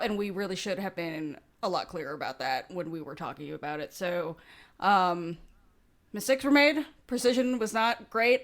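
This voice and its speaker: A woman co-hosting a casual podcast, talking with a slight lisp and plenty of fillers and restarts. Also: fairly low pitch. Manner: rambling, with many fillers and restarts. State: slight lisp from dental aligners. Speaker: podcast co-host. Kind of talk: casual chat.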